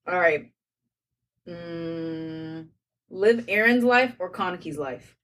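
A woman's voice: on the low side, extremely slow, pauses often, fairly bright tone. Chatty woman recorded a little far off. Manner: playful, laughing, chatty with many fillers. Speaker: co-host of a drinking game chat. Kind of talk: casual chat. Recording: far from the mic with faint noise.

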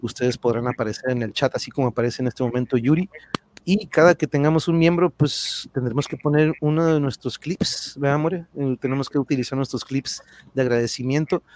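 A man's voice: medium pitch, a little fast, a little mellow. A man with a Mexican accent chatting casually to livestream viewers as channel host, slangy and thankful in the way he talks.

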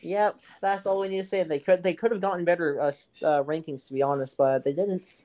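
A man's voice: a little high, fairly even intonation, brisk, a little mellow, slight background noise. A man co-hosting a casual gaming chat, joking and crude, often laughing. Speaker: podcast co-host.

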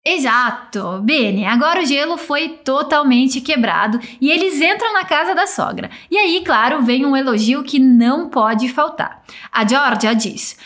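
A woman teaching a language, modelling short phrases slowly for listeners to repeat. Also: high voice, a bit bright. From Brazil. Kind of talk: guided pronunciation drill.

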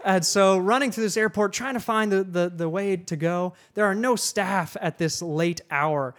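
Podcast guy spinning a story for a live crowd, kinda high voice, gets loud quoting himself. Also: normal speed. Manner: animated, loud bursts when quoting himself. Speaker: podcast host telling a story. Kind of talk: animated storytelling to a live audience. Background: audience laughter.

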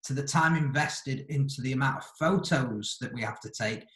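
A man talking casually on a podcast in a thoughtful, halting way, rephrasing as he goes, in an echoey room. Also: mid-range voice, fairly bright tone.

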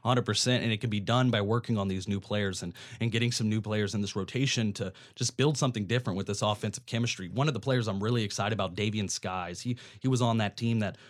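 A man's voice: on the low side, quick pace, few pauses. A young man hosting a casual sports talk show, eagerly sharing stats and trivia. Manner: enthusiastic, trivia-loving.

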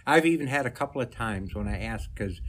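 A man's voice: medium pitch, expressive, a little fast, fairly bright tone. A man speaking as a comedian guest in an interview, telling stories conversationally and repeating phrases for emphasis.

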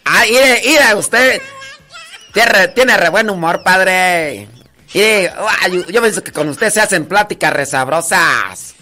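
A man, a priest, voicing a chatty, insistent rural village woman who coaxes and flatters in country speech. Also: lowish voice, slow pace, few pauses, soft background music, pitched above the performer's own voice, exaggerated voice. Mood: flattering. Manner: pleading, coaxing, rural speech.

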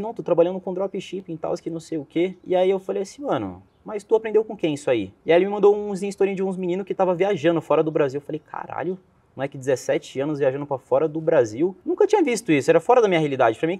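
A young Brazilian man with a voice on the high side and a darkish tone is a guest sharing a personal story. His Brazilian Portuguese accent comes through as he rambles in casual slang, often quoting himself.

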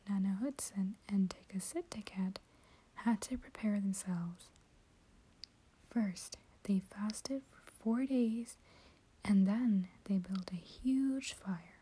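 A woman hosting her own channel, reading a short story aloud in a soft, steady whisper. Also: medium pitch, husky.

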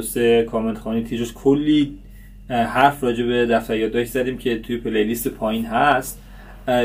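A man's voice: mid-range voice, a little mellow. Casual guy reviewing a tv series, rambling, lots of uhs, a bit far from the mic. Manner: chatty, many fillers.

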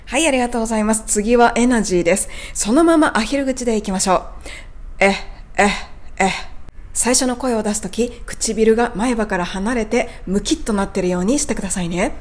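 A woman with a fairly high voice leads a pronunciation lesson. She models each sound slowly and carefully, then cheerfully prompts the listener to repeat after her. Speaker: English pronunciation teacher.

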